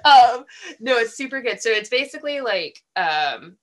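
A woman's voice: a little high, very animated, moderate pace. A woman chatting casually as a podcast guest, laughing often as she talks. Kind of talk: casual chat.

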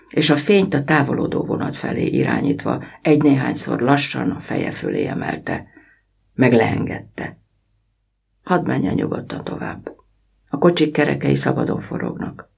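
A man reading a children's story aloud in an expressive storybook narration. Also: medium pitch, vocal fry, breathy edge.

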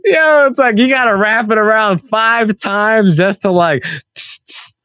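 A man's voice: sits high, measured pace, dry recording. A man in casual chat, telling work stories and acting out both sides of each exchange. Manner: animated storyteller, acts out both sides of conversations.

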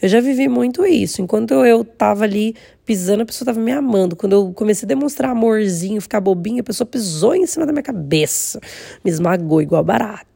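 A Brazilian woman hosting a candid, confessional vlog, talking casually and reflectively with the slightly hoarse voice of an inflamed, swollen throat. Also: mid-range voice, animated, fast talker, warm tone, dry recording, studio quality. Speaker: vlog host.

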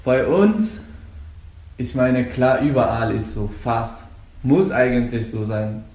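A young man from Afghanistan, speaking German as a second language, talks earnestly about coaching jiu-jitsu, with halting restarts. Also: medium pitch, darkish tone. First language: not German. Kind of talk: casual interview. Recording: echoey room.

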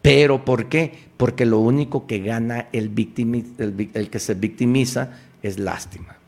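A man's voice: medium pitch, fairly even intonation, moderate pace, creaky, darkish tone, slight background noise. A man giving a motivational talk, driving points home with emphatic, repeated exhortations. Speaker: motivational speaker.

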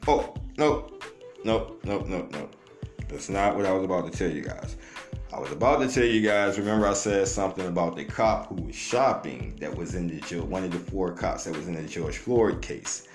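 Low male American commentator, conversational and streetwise slang, roomy echo, faint music underneath. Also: moderate pace. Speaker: online commentator. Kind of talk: casual news commentary, partly reading aloud.

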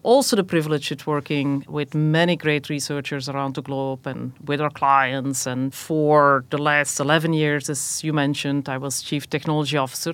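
A woman's voice: low voice, a bit bright. A woman from Belgium, a technology executive, answering interview questions in long explanatory sentences with some fillers.

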